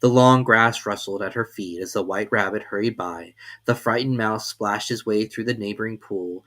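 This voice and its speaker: A man giving an expressive, measured dramatic reading of a classic tale. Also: lowish voice. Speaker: storybook reader.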